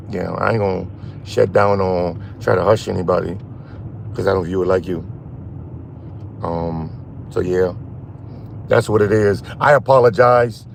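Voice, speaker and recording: A man hosting a casual phone livestream while driving at night, rambling and halting as he talks to his chat. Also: on the low side, vocal fry, a little hiss or hum. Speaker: live stream host. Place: in a car at night.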